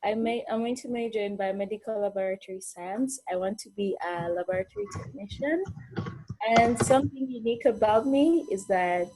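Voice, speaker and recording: Mellow young woman. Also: mid-range voice, a little fast, a little hiss or hum, low-quality recording. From Uganda. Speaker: incoming student. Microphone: video call.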